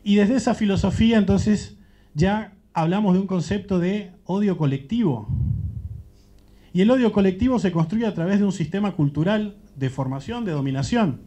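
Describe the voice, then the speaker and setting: A man's voice: sits high, moderate pace, warm tone. A man from Central America speaking as a panelist, thinking aloud in an earnest, searching way. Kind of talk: reflective panel talk. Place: panel event. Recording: dull muffled event recording.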